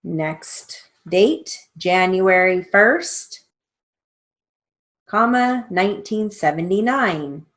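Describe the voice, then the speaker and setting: Slow, dictating woman teacher. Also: fairly low pitch, animated, fairly bright tone. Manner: dictating, spelling out letters and punctuation deliberately. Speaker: stenography theory teacher. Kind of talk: instructional lesson with slow dictation. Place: indoors, small room with a plain wall.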